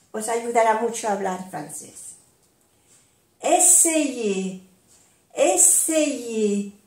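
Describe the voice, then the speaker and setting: Slow, echoey older woman teaching. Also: high voice, darkish tone, far from the mic. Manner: speaks each word slowly and clearly, repeating it for learners to echo. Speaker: language teacher. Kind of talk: slow, repetitive vocabulary lesson.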